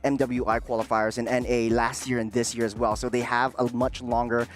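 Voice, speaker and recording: A man's voice: medium pitch, flat delivery, a little fast. A man from Singapore, giving esports desk analysis in an analytical way, with many filler sounds.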